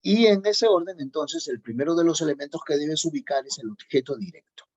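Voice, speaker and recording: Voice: mid-range voice, expressive, a little fast, a little mellow, slightly rough. A teacher giving a grammar lesson, repeating key points and checking in with the students. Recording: dull lo-fi recording.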